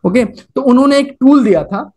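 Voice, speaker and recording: This trading lesson comes from a man whose voice is very high and a little mellow, moving at a moderate pace as he screen-records a chart. His tone is casual, full of English trading jargon, with repeated points and frequent "okay" and "right?" check-ins.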